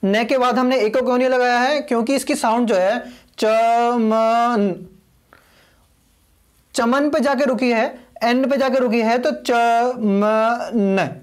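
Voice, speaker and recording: A man's voice: extremely high pitch, fairly even intonation, unhurried. A man teaching a video lesson, explaining patiently and repeating himself, spelling names out letter by letter.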